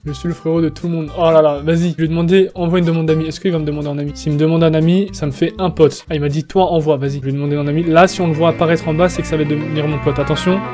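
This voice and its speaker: A man in his twenties giving casual gaming commentary, excitable and slangy, laughing often and bursting into shouts. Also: a little high, rapid-fire, hardly any pauses, soft background music. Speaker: gaming YouTuber.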